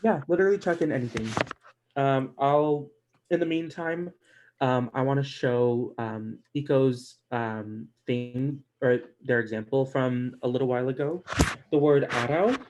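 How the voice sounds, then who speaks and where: A man teaching an online language class in a casual, halting way, with many fillers and restarts. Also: mid-range voice, fairly even intonation, background noise.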